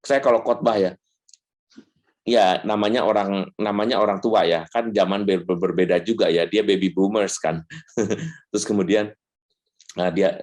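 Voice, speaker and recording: A man's voice: low-pitched, fairly even intonation, normal speed, long pauses, a little mellow. A middle-aged man, a priest, giving a conversational faith talk and telling stories animatedly, acting out the quotes.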